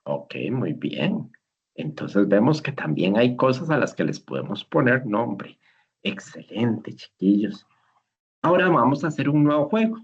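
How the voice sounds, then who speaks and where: Slow husky man. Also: mid-range voice, big pitch swings. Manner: patient, encouraging, praises each answer. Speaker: teacher. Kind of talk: simulated classroom lesson. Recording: dull lo-fi recording.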